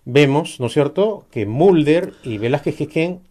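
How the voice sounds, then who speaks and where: Emphatic man with a lively voice. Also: a little high, a little slow. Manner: emphatic, critical, with frequent "eh" fillers. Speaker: political commentator. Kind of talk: political discussion.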